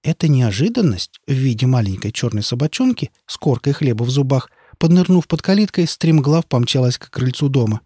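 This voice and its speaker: A man reading a children's story aloud with lively, expressive narration. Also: medium pitch, brisk, few pauses, slightly rough, no room sound, clean studio sound.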